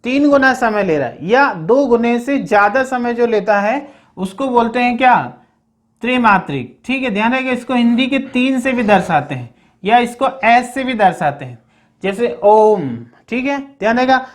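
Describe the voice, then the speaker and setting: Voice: medium pitch, animated, normal speed. A teacher explaining grammar in a recorded lesson, asking the class questions and answering them, with frequent check-ins to keep students following. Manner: repeats check-ins like "okay, remember this".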